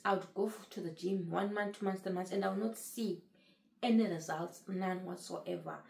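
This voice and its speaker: Gravelly-voiced woman in her thirties, echoey room. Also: on the low side. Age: 30s. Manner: earnest, repeats phrases for emphasis. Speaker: vlogger sharing her weight-loss journey. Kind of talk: casual talk to camera.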